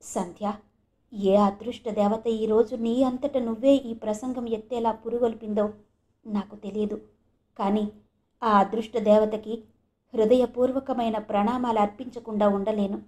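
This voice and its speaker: Madhav, a grown man, remorseful and tender, speaks low, hushed and grave in a storybook audio novel, as a woman narrator puts him on. His voice is soft and mellow, a touch above a man's usual pitch, and sits close to the narrator's own. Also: natural voice.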